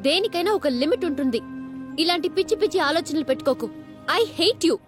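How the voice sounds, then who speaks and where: A young actress playing a proud, irritable medical student who talks in a sharp, dismissive way, mixing in English. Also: female voice, very high voice, expressive, quick pace, music in the background. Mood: scornful. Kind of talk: comic film dialogue.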